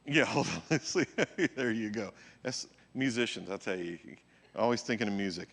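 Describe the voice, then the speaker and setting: A man's voice: fairly low pitch, lively intonation, normal speed, a bit bright. A male pastor preaching a sermon in a conversational way, often checking in with his listeners. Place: church.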